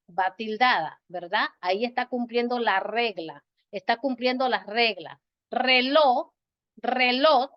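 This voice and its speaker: Patient woman teacher on a video call. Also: fairly high pitch. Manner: slow, patient, repeats words to stress syllables. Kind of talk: online grammar lesson. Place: home or office on a video call. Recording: dull, lo-fi video call audio.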